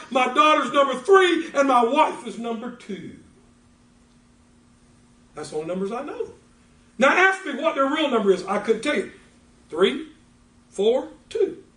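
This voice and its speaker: An older man preaching a folksy, animated sermon as pastor, acting out little conversations. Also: very high voice. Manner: folksy, animated, acts out dialogue. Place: church. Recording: echoey church room from far off.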